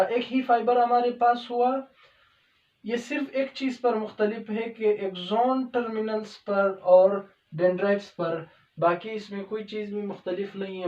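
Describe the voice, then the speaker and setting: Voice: medium pitch, warm tone. Roomy, distant biology lecturer. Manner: asks rhetorical questions and answers them, repeats "okay" often; slow, step-by-step counting and pointing at a diagram. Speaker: biology teacher. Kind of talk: explanatory video lecture. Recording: dull, roomy sound from a distance from the mic.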